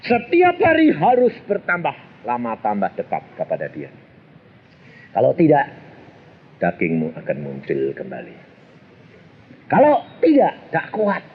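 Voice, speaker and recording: Lively preacher, jokey. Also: male voice, mid-range voice, unhurried, pauses often, husky. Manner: animated, jokey, acts out voices. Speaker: pastor. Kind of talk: storytelling sermon. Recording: dull lo-fi sermon recording with faint hiss.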